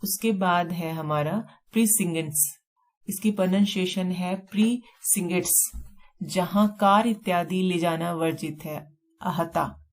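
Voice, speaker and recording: A woman teaching vocabulary for exams with memory tricks, explaining step by step and repeating key words, with terms. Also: fairly low pitch. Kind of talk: exam-prep vocabulary lesson.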